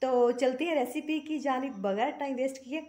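This cooking-channel host from Pakistan has a slightly mellow voice that sits high, and she talks at normal speed. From her home kitchen, she explains a recipe step by step in a casual, homely, chatty voice-over sprinkled with blessings.

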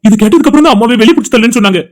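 Actor voicing a heartbroken young man, cartoon, rapid pleading delivery. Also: mid-range voice, natural voice. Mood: distressed. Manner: pleading, emotional storytelling. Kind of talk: cartoon voice acting.

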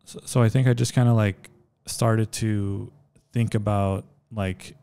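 Gravelly-voiced laid-back guest. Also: male voice, lowish voice, measured pace. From El Paso, Texas. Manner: relaxed, rambling with many likes. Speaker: guest, skateboarder and filmmaker. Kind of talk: casual interview chat.

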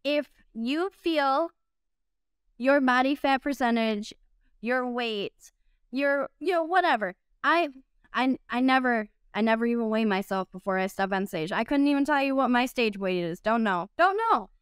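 A woman's voice: a little high, animated, measured pace, smooth, no echo, studio quality. A woman in her twenties answering interview questions over a video call, upbeat and chatty with frequent "um"s. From United States. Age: 20s. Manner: upbeat, laughs easily, frequent "um"s. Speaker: guest, bikini competitor. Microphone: video call from home.

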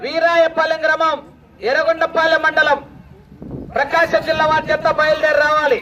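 Excitable male event announcer, very high voice, shouts and whoops, outdoor loudspeaker with faint noise. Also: moderate pace, lo-fi sound, some chatter behind. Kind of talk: live announcing and cheering at a bull pulling contest. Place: outdoor rural event ground.

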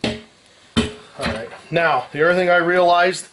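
The host, a middle-aged mechanic, walks viewers through a hands-on job in a garage with an open door, talking a few feet from the camera in salty country slang. His voice is a little high, a bit bright and a little slow, with faint music behind him and the clank of metal tools.

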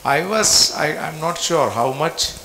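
High, bright Indian man's voice, echoey room. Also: expressive, measured pace. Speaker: operating cardiologist. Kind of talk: live medical procedure commentary. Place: hospital cath lab. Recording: echoey room with clear background noise and clicks.

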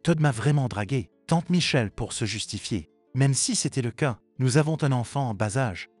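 A man narrating a scripted family drama story in an even, steady reading voice. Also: mid-range voice, moderate pace, dry recording. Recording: dry with faint music behind.

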